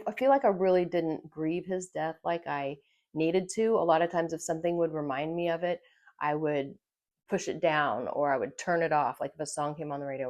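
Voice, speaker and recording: A middle-aged woman telling a personal story in a vlog, earnest and emotional, halting with fillers and repeated words. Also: sits low, a little mellow. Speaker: vlogger.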